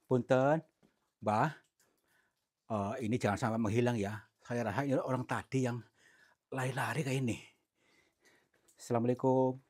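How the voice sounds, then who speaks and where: A man exploring a cave, talking in a coaxing, soothing, often hushed way. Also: mid-range voice, steady tone, normal speed, long pauses, no room sound, studio quality. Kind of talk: staged exploration vlog. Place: inside a cave.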